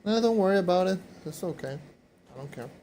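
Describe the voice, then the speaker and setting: A young man chatting casually to his viewers while playing a game, rambling and repeating himself, his voice a little hoarse. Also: sits high, expressive, a little fast, a little mellow. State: slightly hoarse. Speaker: game streamer. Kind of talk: casual live-stream chat while gaming.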